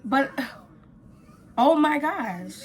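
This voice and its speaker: A woman vlogger, hoarse from a cold, giving an informal, gushing product review to camera. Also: high-pitched, expressive, extremely slow. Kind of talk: casual chatty review to camera.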